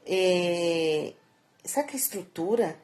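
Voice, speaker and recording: A woman's voice: lowish voice, lively intonation, takes it slowly, darkish tone. A middle-aged woman, talking to her viewers in a chatty, preachy vlog monologue that turns emphatic and scolding. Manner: chatty and preachy, often tagging sentences with a questioning aside. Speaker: vlogger. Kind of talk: casual vlog monologue giving life advice.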